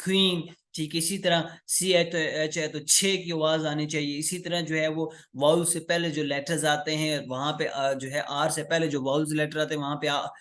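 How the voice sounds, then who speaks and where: A male tutor giving an exam-prep lecture, reading English lines slowly and explaining them with many fillers. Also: a little high, a bit bright. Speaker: English test teacher.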